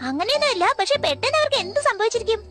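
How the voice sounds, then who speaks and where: Excitable little cartoon girl, extremely high pitch, childlike chatter, loud music behind. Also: very fast. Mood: worried. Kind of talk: dubbed cartoon acting.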